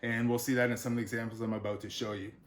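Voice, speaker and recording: A male author giving a relaxed, unscripted pronunciation lesson, sounding out words syllable by syllable between frequent fillers. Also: medium pitch, rapid-fire.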